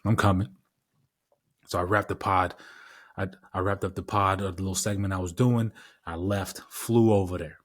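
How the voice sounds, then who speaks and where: A man's voice: low voice, steady tone, moderate pace. A married man hosting his podcast, telling a story in a casual, rambling way with repeated phrases and casual swearing. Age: adult, married with daughters. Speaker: podcast host.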